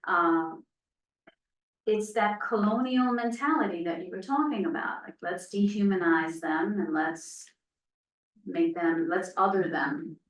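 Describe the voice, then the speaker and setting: A woman's voice: on the low side, a little slow. Earnest woman speaking in an echoing hall. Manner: earnest, emphatic, persuasive. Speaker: panelist. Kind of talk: panel discussion. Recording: roomy, distant.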